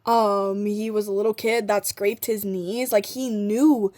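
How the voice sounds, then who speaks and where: A woman vlogger speaks to camera in loose, stream-of-consciousness chat, circling back on her own phrases and restarting sentences. Her pitch sits in an ordinary middle range. She swears casually and leans hard on repeated words for emphasis. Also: fairly even intonation, a little slow, a little mellow. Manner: emphatic, repetitive, swears freely. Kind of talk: casual rambling monologue to the viewer.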